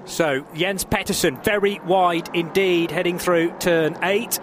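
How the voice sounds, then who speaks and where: A man's voice: sits high, steady tone, a little slow. A man commentating live on a motor race as a motorsport commentator. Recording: clear trackside engine and vehicle noise. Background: car engines and outdoor track ambience.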